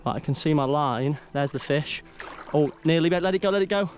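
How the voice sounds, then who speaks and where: Excitable man fishing outdoors. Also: fairly high pitch, a little fast. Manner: excitable, chatty, calls to his mate. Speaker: angler. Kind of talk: casual live chat while fishing. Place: lakeside outdoors.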